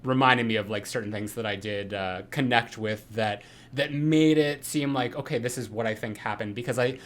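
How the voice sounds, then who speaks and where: A man in casual podcast chat, his voice sitting at an ordinary middle pitch. He talks through a film in loose, rambling turns, full of fillers and restarts. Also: moderate pace, a bit bright. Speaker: podcast co-host.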